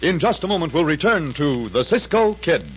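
A man's voice: a little high, sing-song, normal speed, noisy background. A man announcing a vintage radio drama in a polished, dramatic manner, heard with old radio show broadcast sound. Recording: dull lo-fi vintage radio broadcast with organ music.

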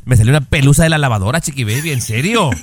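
A man's voice: medium pitch, animated, very fast, background noise. A man co-hosting a casual talk show, full of jokey, slangy banter. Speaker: co-host.

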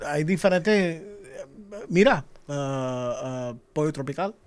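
A man's voice: on the high side, lively intonation, takes it slowly, crowd noise. A man co-hosting a podcast, playful and mixing in English words. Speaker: podcast co-host. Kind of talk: casual banter.

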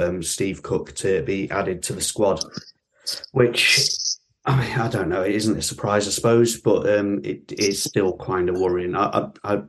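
A man hosting a football fan podcast, talking casually with hesitations and fillers. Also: on the low side.

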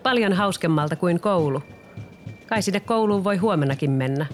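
A man's voice: high-pitched, expressive, soft background music, pitched above the performer's own voice. Man doing a whiny wooden puppet boy. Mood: cheeky. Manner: whiny, boastful. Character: wooden puppet boy, cheeky, lazy, fibbing.

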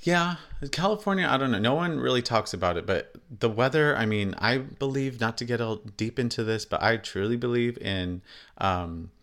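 A man's voice: mid-range voice, expressive, normal speed, a bit bright. A young man hosting a podcast in casual chat, self-deprecating and laughing often. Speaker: podcast host.

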